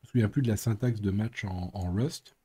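A man's voice: fairly low pitch, brisk, warm tone, slightly rough. A man streaming live coding, thinking aloud and muttering with playful sound effects. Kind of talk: casual live coding commentary.

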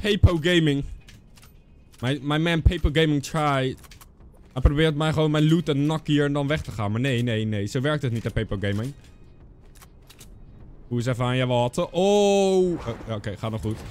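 A man's voice: mid-range voice, brisk, long pauses, darkish tone. Young man with a stuffy nose, gaming commentary. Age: young adult. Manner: mixes in English slang. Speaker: streamer. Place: indoor streaming setup. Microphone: close boom microphone.

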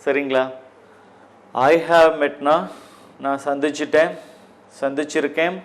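A man with a Tamil accent teaching an English grammar lesson, drilling phrases one by one in a deliberate way. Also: fairly high pitch, little pitch movement. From Tamil Nadu, India.

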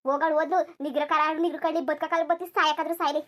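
A woman's voice: high voice, little pitch movement, rapid-fire, a bit bright. A woman voicing a wailing village mother. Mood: bitter. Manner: lamenting, scolding, sobbing in bursts. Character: grieving village mother, middle-aged, bitter and wailing. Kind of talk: cartoon dubbing.

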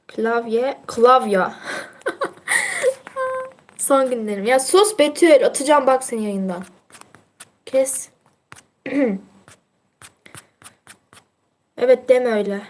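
A woman's voice: on the high side, takes it slowly, pauses often. A teenage girl chatting casually on her livestream, reading out viewer comments in a teasing, chatty way and laughing often.

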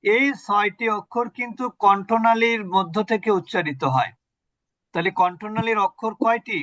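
Male Quran recitation teacher, patient, quizzes students; high voice, dry, dull audio. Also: moderate pace, a bit bright, dry recording. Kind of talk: online tajweed lesson.

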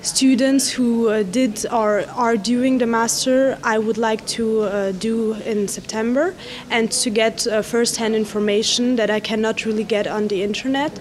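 Fairly high-voiced young woman from Austria. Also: fairly even intonation. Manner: earnest, pausing with fillers. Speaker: prospective student. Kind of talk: interview answers.

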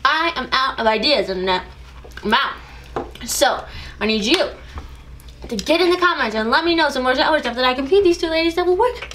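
A woman's voice: sits high, lively intonation, a little fast, long pauses, noisy background. A woman hosting a casual taste-test video, chatting and explaining as she goes. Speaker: host. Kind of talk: casual chat.

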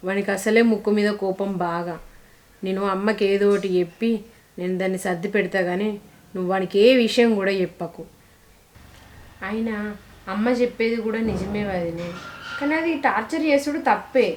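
A woman's voice: medium pitch, a little mellow, echoey room, lightly acted. A young woman with a Telangana Telugu accent playing a protective sister-in-law in a village drama, talking in a consoling, coaxing way. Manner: consoling, coaxing, with many questions. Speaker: actor in a village short film.

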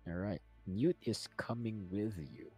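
A man narrating a tabletop role-playing game as game master, in a slow, unhurried way. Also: fairly low pitch, a little mellow, soft background music.

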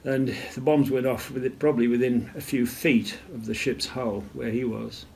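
An older man recalls events at a measured storytelling pace in an interview, often clearing his throat. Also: mid-range voice, fairly even intonation, darkish tone, slight background noise. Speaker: retired naval officer interviewee. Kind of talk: interview recollection.

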